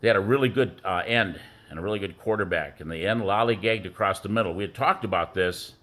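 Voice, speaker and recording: A man's voice: low-pitched, quick pace, fairly bright tone. A middle-aged man, a former youth football coach, giving a rambling birthday tribute full of fillers and war stories. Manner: rambling storytelling with many fillers.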